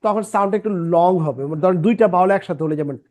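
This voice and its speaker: A man's voice: high-pitched, fast talker, a little mellow. A man teaching English pronunciation. He drills each sound over and over and keeps checking with "right?". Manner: drills sounds by repeating them, asks "right?" often. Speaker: English teacher and channel founder. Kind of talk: pronunciation lesson.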